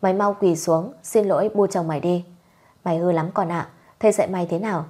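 A woman's voice: fairly low pitch, fairly even intonation, fast, mellow, close to an everyday voice. A woman voicing a stern, poor old father who scolds his daughter harshly, in a storybook reading. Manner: scolding, gruff.

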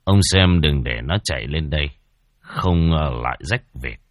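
A man voicing a gruff older male village sorcerer who scolds curtly. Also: a bass voice, lively intonation, measured pace, no room sound, clean studio sound, voice pushed down, heavily acted. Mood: curt scolding. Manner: curt, scolding.

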